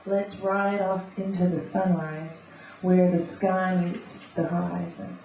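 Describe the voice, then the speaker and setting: A woman reading beatnik spoken-word poetry live, in rhythmic, deliberate, short clipped phrases. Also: fairly low pitch, level tone, mellow. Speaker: poet and conceptual artist. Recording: echoey live room, distant muffled mic, faint noise.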